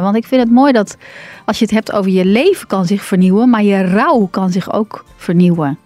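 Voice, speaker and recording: A woman's voice: mid-range voice, mellow, no room sound. A woman speaking as a guest on grief, thoughtful and hesitant, with many fillers. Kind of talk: reflective conversation.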